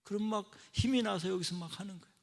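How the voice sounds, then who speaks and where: A middle-aged male pastor preaching a sermon, telling stories and acting out quoted voices, swinging from loud outbursts to soft whispers. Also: high voice, quick pace, creaky. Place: church sanctuary. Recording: long church-hall reverb.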